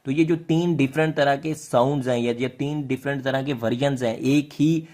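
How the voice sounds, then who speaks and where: Male teacher with a Pakistani Urdu accent, mid-pitched, explanatory lesson with hesitant, questioning delivery. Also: steady tone, normal speed, darkish tone. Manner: rhetorical questions, many hesitations. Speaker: linguistics teacher.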